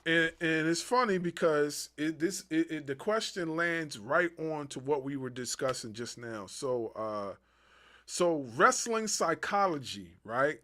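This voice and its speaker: A man hosting an interview podcast in a relaxed, chatty way. He talks animatedly and strings thoughts together with plenty of fillers. His voice sits on the higher side for a man. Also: a little slow. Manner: animated, rambling with many fillers. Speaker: podcast host. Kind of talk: casual interview chat.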